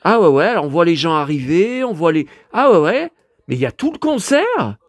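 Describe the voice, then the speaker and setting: A hoarse man in a casual vlog, talking to his viewers and muttering exclamations to himself as he browses through his purchases. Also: fairly high pitch, big pitch swings, brisk, no room sound. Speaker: vlogger showing his purchases.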